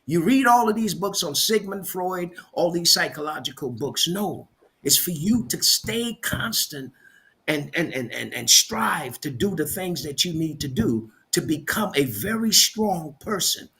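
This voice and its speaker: A man's voice: fairly high pitch, expressive, unhurried, pushed and bright. A man from Barbados, a guest on a talk show, speaking in an emphatic, preacherly way and often repeating words as he builds his point. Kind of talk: motivational interview talk.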